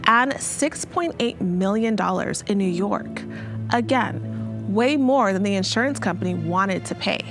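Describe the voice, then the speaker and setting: A woman's voice: medium pitch, vocal fry. A woman host reading a sponsor ad in an upbeat, persuasive way. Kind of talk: sponsor read.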